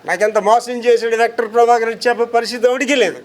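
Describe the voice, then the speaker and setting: A man's voice: very high-pitched, steady tone, quick pace. A pastor from India preaching a sermon, emphatic and firing rhetorical questions at his listeners.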